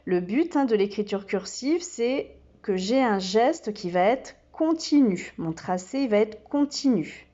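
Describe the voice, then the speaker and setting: Woman, kindergarten teacher, unhurried and patient, dull recording. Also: mid-range voice, animated, warm tone. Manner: patient, with many fillers. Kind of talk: slow step-by-step demonstration.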